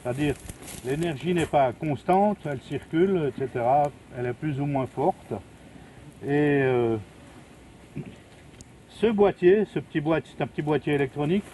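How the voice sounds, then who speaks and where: Older man explaining, patient and mellow. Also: fairly high pitch, a little hiss or hum. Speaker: retired music teacher demonstrating plant music. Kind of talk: explanatory demonstration. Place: outdoor garden.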